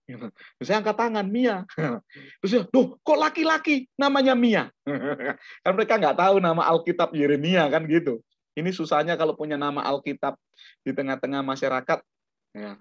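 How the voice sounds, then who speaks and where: A man's voice: a little high, dry recording. A middle-aged man from Surabaya teaching a discipleship class, chatting through anecdotes and often checking that listeners understand. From Surabaya, Indonesia. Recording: dull lo-fi recording.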